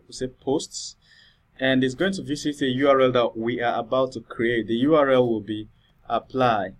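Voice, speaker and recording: A man giving a screen-recorded coding tutorial, thinking aloud with many fillers and checking in with "all right?". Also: mid-range voice.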